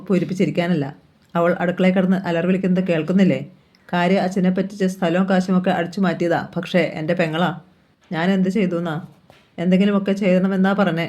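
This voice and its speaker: A man's voice: sits high, darkish tone, lightly acted. A man reading the part of a hot-tempered, menacing uncle who talks bluntly and threatens.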